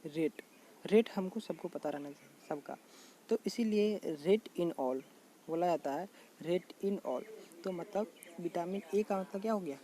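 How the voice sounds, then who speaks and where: A man with a high-pitched, warm voice explains a general knowledge lesson casually, repeating terms slowly. He keeps calling out to his viewers as friends. Faint background noise is audible.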